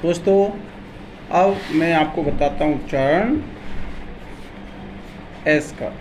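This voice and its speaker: Indian-accented male tutor, high-pitched, spells words out letter by letter at a crawling pace, with a faint background hiss. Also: darkish tone, low-quality recording. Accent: Indian English. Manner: slow, deliberate dictation. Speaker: English pronunciation teacher. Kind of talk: spelling out words letter by letter, then pronouncing them.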